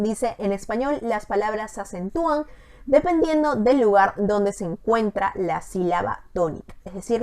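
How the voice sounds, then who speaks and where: Woman teacher going over spelling rules, kinda high voice, keeps asking "ok?". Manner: explains step by step, often adds a checking "¿ok?". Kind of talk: online grammar lesson.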